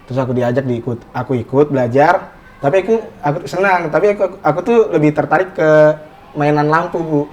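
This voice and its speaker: A man's voice: fairly high pitch, a little fast, darkish tone, slight background noise. A man in his twenties, a guest on a talk show, explaining things casually and politely. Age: 20s. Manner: casual, polite, repeats himself. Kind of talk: casual interview chat.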